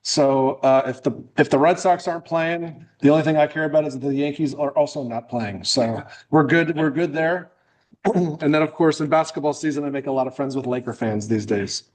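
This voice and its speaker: Slightly high-voiced, a little fast and a little mellow, a middle-aged New Englander speaks as a club meeting's guest in a meeting room. His talk is friendly and jokey, loose, with lots of restarts.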